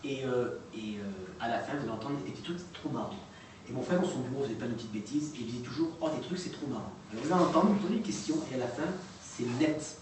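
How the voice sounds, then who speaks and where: A man giving a public talk and playing recordings, speaking haltingly with many fillers and restarts. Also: mid-range voice, noisy background. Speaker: lecturer. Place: lecture room. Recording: echoey hall recorded from far off.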